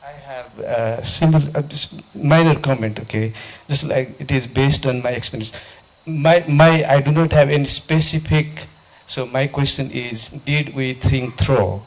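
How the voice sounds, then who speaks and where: A man from Nepal in an audience, asking a panel a question at a conference, halting and repeating himself. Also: mid-range voice. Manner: halting, repeats his question, frequent restarts. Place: conference hall.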